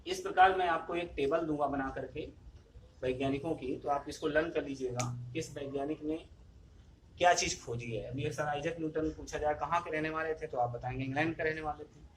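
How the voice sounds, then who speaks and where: A man's voice: fairly high pitch, fairly even intonation, fairly quick, slight background noise. A male physics teacher giving a recorded lesson, who keeps repeating his points and asking questions that he then answers himself. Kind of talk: classroom lesson video.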